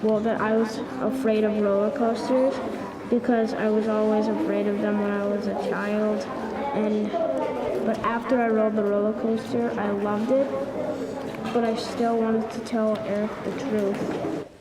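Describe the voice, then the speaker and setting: A woman's voice: mid-range voice, level tone, a little slow. A student explaining her writing revisions to the teacher, hesitant and restarting often. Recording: echoey classroom full of chatter.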